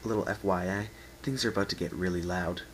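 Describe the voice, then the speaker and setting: A man with a fairly low voice gives a dramatic reading of a story, theatrical and emphatic, unpolished and unedited. His tone is steady and a little fast, in an amateur home recording with faint background noise.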